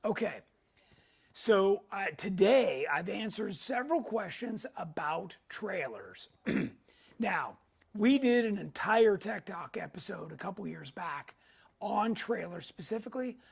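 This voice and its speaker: With a high, expressive voice, this middle-aged man runs a casual weekly live tech show. He sounds hoarse, keeps clearing his throat, and lingers on fillers.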